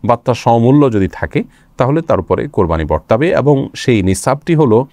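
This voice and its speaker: A man's voice: medium pitch, normal speed, dry recording. A middle-aged man, an Islamic scholar, reading out viewer questions and answering them one by one in an explanatory way. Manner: reads each question then answers calmly, explanatory. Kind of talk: live Q&A religious answers.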